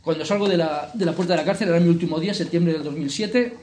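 A man with an accent from Spain leads a retreat talk, his slightly high voice rattling along at a quick clip. He keeps things colloquial and throws in plenty of rhetorical questions and tag words. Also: a little mellow. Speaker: retreat leader.

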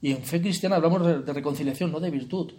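With a slightly high, dark voice, a retreat leader runs an informal spiritual retreat conversationally. He keeps checking in with the group at the ends of sentences and slips in jokey remarks.

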